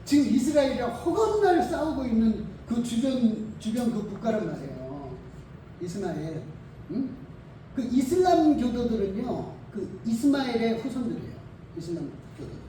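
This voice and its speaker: A preacher telling a Bible story in a lively, conversational sermon style, speaking in a church. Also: mid-range voice, normal speed, very echoey, distant mic, slight background noise, rough recording.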